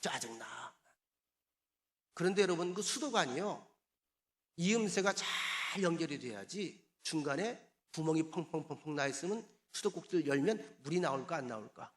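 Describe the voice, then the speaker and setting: A man's voice: on the high side, expressive, normal speed. A male pastor preaching a sermon emphatically, calling on the congregation to respond and repeat after him. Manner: acts out quoted voices in conversational asides.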